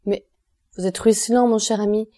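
A woman's voice: mid-range voice, fairly even intonation, moderate pace, dark tone, pitched above the performer's own voice, close to an everyday voice. A woman voicing an impulsive, grieving young man in an audiobook, speaking in a raised, emotional, exclaiming way. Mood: ardent.

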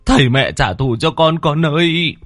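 A man's voice: fairly high pitch, lively intonation, moderate pace, fairly bright tone, no room sound, pitched above the performer's own voice. A grief-stricken village father, voiced by a storyteller, pleading urgently with his child's ghost, his voice rising as he begs. It is told in a spoken ghost story. The sound is dry and close.

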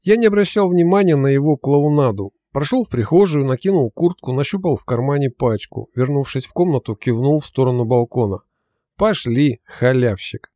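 A man reading a first-person novel as an audiobook, in an even, conversational storytelling manner. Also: medium pitch, fairly quick, few pauses, no echo, studio quality. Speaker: audiobook narrator.

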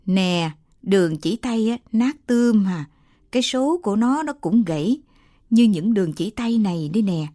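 A woman's voice: mid-range voice, lively intonation, measured pace, mellow, dry recording, clean studio sound, lightly acted. A woman voicing a young ghost soldier who reads palms, speaking in a cold, clipped, ominous way.

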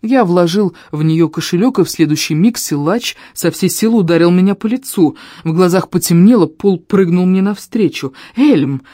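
An audiobook narrator reading a first-person fantasy story with expressive, emotional delivery on a close microphone. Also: mid-range voice, normal speed, hardly any pauses, no echo.

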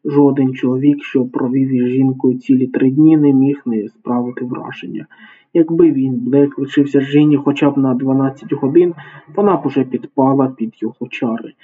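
Man, audiobook narrator, husky voice, tinny phone-like sound. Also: mid-range voice, steady tone, moderate pace. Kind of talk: scripted narration.

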